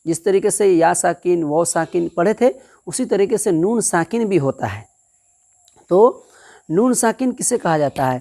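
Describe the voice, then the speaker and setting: A woman's voice: on the low side, expressive, gravelly, dark tone. A woman teaching Quran reading step by step, patiently spelling out syllables and checking that the learner understands. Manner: patient, repeats syllables slowly and asks "understood?". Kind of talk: step-by-step recitation lesson.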